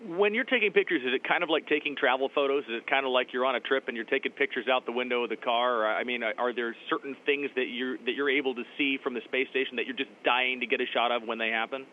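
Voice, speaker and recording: A man's voice: medium pitch, fast talker, hardly any pauses. A man working as an interviewer, asking chatty, inquisitive questions in a conversational way. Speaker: TV station interviewer. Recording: tinny phone-like line, faint noise.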